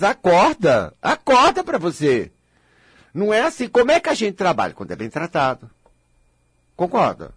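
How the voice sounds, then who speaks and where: A man's voice: high voice, slightly rough, no echo. A man with a Brazilian Portuguese accent gives a motivational talk to an audience. He is blunt and scolding, and he provokes his listeners by mocking their complaints. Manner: mocks listeners' complaints in quick impressions. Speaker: self-help speaker.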